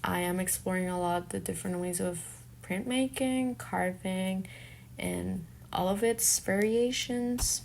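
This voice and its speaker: This mid-range, gravelly voice is unhurried and darkish, with a little hiss or hum in the background. The speaker is a young woman with a Colombian accent, a native Spanish speaker, introducing herself casually and thoughtfully as an artist and fine arts student.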